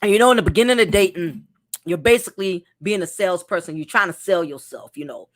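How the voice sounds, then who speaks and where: A woman's voice: lowish voice, fast. A woman from New York giving a blunt, profane casual commentary monologue to her viewers. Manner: blunt, profane, with mimicked voices. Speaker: content creator.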